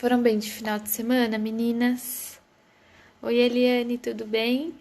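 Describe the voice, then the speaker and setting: A woman hosts a relaxed live stream, chatting loosely and welcoming each viewer by name. Her voice sits a little high with a gravelly edge. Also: measured pace. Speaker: live stream host, therapist. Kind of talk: casual live stream chat.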